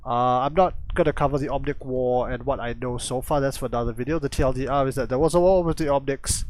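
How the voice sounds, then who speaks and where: A man's voice: medium pitch, fast talker, a little mellow. Rambling man breaking down comic lore. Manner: rambling, thinking aloud, self-correcting. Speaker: host.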